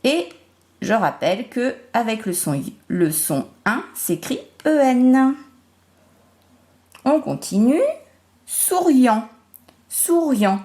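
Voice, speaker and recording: A woman teacher giving a remote phonics lesson to young children, slowly spelling out syllables and sounds. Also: fairly high pitch, very animated, warm tone. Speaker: primary school teacher.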